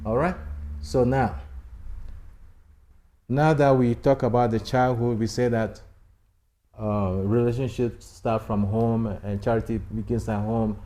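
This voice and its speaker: A man's voice: medium pitch, fairly even intonation, a little slow, pauses often, warm tone. Emphatic male studio talk host. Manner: emphatic, repeats key phrases, urges viewers to subscribe. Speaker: channel host. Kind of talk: conversational spiritual talk show.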